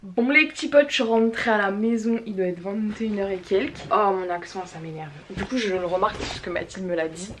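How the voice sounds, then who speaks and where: A woman's voice: mid-range voice, fairly quick. Young woman, bubbly playful vlog chat, faint background hiss. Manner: bubbly, playful, mixes in English slang. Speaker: vlogger.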